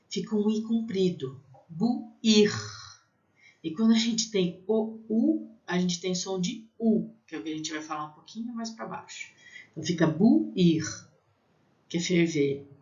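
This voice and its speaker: A teacher giving a pronunciation lesson, spelling out letters and repeating each word slowly. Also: medium pitch, a little mellow, dull audio.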